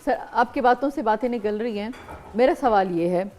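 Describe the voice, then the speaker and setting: A woman's voice: fairly high pitch, mellow. A woman hosting an interview, putting long questions to her guest and steering the conversation back on track. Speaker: interview host.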